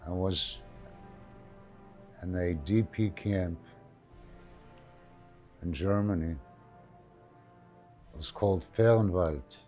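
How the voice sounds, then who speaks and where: Elderly man, Yiddish accent, slow and low. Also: warm tone, faint music behind. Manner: plain-spoken, short repeated phrases, drops in Yiddish words. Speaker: Holocaust survivor giving testimony. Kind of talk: reminiscing in an interview.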